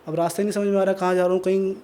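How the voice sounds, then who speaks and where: A man with a Pahari Hindi accent voicing a sinister old male hill spirit that poses as a frail grandfather and speaks in a low, menacing way. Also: level tone, very fast, natural voice. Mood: frail, coaxing. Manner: soft and kindly at first, then low and menacing.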